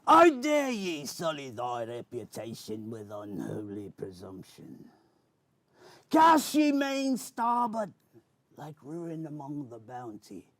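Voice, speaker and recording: A man voicing a theatrical, indignant old pirate captain in a grandiose, drawn-out spoken word performance with archaic phrasing. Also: fairly high pitch, huge pitch swings, a bit bright, no room sound, heavily acted. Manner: declamatory, drawn-out archaic orator.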